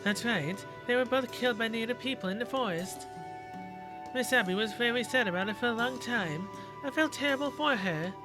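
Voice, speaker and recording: A man voicing a gentle, polite young woman servant who speaks softly and a little nervously. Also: very high voice, a little fast, music in the background. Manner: soft-spoken, courteous, slightly nervous.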